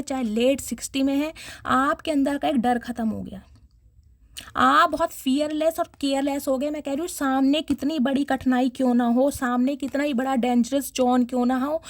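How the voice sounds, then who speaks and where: A chatty young woman with a Hindi accent reads tarot cards for her viewers. Her voice sits high, and the sound is dry and close. She talks in a dramatic, familiar way and mixes English words into her speech. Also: dry recording. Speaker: tarot reader.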